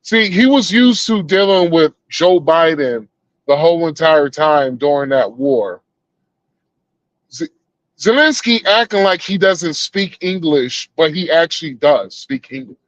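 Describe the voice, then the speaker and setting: Man on a video call, high-ish voice, casual profane rambling. Dull, dry call sound. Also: animated, a little slow, dry recording. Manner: rambling and profane, with many restarts. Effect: heard over a video call, breaking up. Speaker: co-host on a live stream. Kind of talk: casual political rant.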